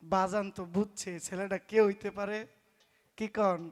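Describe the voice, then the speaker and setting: A man with a tells a religious story on stage in pala gaan style, loud and emphatic, acting out the voices of its people. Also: sits high, level tone, moderate pace. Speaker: folk singer preaching a story. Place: stage at a live folk performance.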